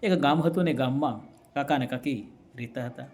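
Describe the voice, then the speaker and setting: A community speaker gives a motivational speech at a local gathering, telling a folk parable and constantly asking the crowd "right?" His voice is medium-pitched and slightly mellow, and he talks fairly quickly.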